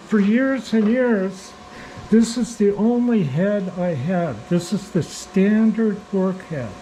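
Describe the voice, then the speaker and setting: An older man with a weak, thin, hoarse voice, giving a casual hands-on workshop demonstration in a halting, plain-spoken way. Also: high voice, mellow, a little hiss or hum, poor audio. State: hoarse from smoke. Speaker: millwright demonstrating shop tools.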